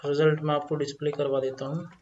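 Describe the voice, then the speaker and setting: A man's voice: fairly high pitch, level tone, fast, a little mellow, lo-fi sound. A man teaching a coding lesson as a screen-recorded voice-over, explaining each step and repeating key phrases.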